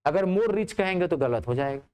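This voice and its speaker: A man's voice: normal speed, smooth. A man teaching a grammar class in speech, asking his students checking questions and answering them himself. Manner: lively, rising on questions and dropping low on answers.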